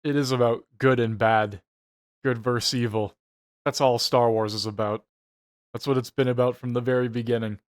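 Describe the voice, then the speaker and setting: A man's voice: medium pitch, fairly even intonation, moderate pace. A man giving a casual, mocking reaction commentary, profane and incredulous in his delivery. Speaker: reaction show host.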